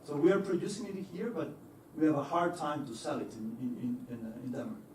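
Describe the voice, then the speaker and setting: A young engineer speaks to an audience with fairly even intonation, a little fast, his voice a little high and a little mellow. Hesitant speech, many fillers and restarts, and easy laughter mark his talk. Recorded far off in an echoey hall, with a little hiss or hum.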